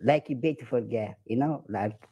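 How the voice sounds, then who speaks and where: A man's voice: mid-range voice, moderate pace, dark tone, slightly rough. A man with an Eritrean accent speaking broken English, playfully flirting and boasting as a comedian on a video chat. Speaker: comedian prank-chatting.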